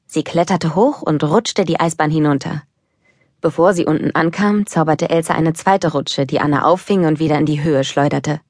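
A woman reads a children's audiobook in a calm, even storytelling manner. Her voice sits low for a woman. The recording is close and completely dry. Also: moderate pace, dry recording. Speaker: audiobook narrator. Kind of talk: scripted narration for children.

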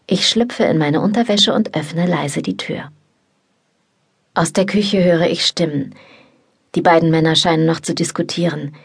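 A woman narrating an erotic novel in the first person, in calm, intimate storytelling. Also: low voice, a little slow, vocal fry, breathy edge. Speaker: audiobook narrator.

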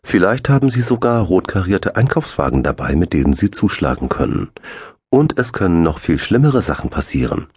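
A man puts on a ten-year-old boy in a storybook who thinks he knows everything, bossy and fussy as he lectures. The voice sits low but swings up and down a lot. It sounds a little husky, recorded close and dry. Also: big pitch swings, brisk, a little mellow, no room sound, heavily acted. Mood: lecturing.

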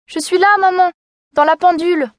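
A woman's voice: steady tone, moderate pace, dry recording, studio quality. A woman doing piping little goat kids. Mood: timid. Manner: high, piping cries. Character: small frightened young goat kids, childish and shrill. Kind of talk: storybook reading.

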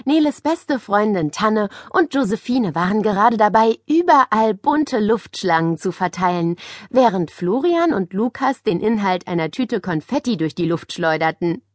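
A woman narrating a children's audiobook in a lively, expressive reading style. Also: mid-range voice, moderate pace, no echo, clean studio sound.

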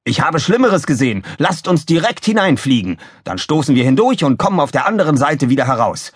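A man voicing a boastful male waste officer who shouts bold orders on a spaceship in a storybook. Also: mid-range voice, steady tone, normal speed, no room sound, studio quality, pitched above the performer's own voice, lightly acted.

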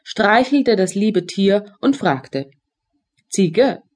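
A woman reading a fairy tale aloud for children as an audiobook narrator, in clear storytelling. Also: fairly low pitch, lively intonation, measured pace.

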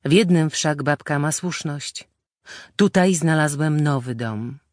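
A man's voice: a little high, takes it slowly, no room sound, clean studio sound. A woman narrator voicing a brooding nobleman husband who speaks in grave, old-fashioned formal phrases. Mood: tender. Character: brooding married nobleman, bitter toward his family.

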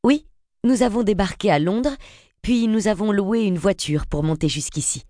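A woman's voice: mid-range voice, normal speed, warm tone, no room sound, clean studio sound, voice pushed up, lightly acted. A woman reading an audiobook, voicing a confident, friendly woman in her forties. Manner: poised, friendly.

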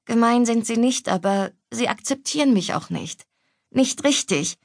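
A woman's voice: a little high, expressive, measured pace, vocal fry, no echo, clean studio sound, pitched above the performer's own voice, full character voice. A woman voicing a troubled young mistress of an estate, speaking earnestly. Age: young adult.

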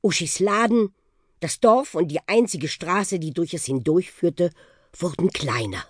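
A woman narrating a children's audiobook with expressive storytelling. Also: fairly low pitch, measured pace, breathy edge, no room sound, studio quality.

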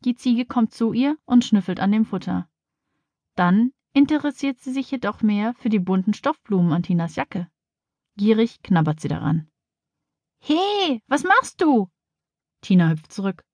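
Female narrator for a children's audiobook, clear storytelling, dry close studio mic. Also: mid-range voice, moderate pace, warm tone, no echo.

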